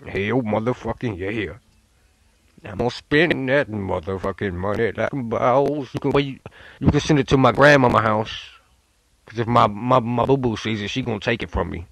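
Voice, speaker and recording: A man's voice: medium pitch, moderate pace, creaky, a bit bright, dry recording. A man playing a brash, foul-mouthed prank caller. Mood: belligerent. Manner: belligerent, swearing, demanding apologies.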